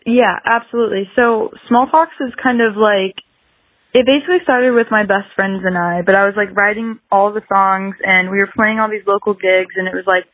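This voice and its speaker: Over a phone-quality line with no echo, a medium-pitched woman talks casually as an interview guest. She's an early-twenties musician from South Carolina, American-accented, who keeps hedging and drops "like" into nearly every phrase.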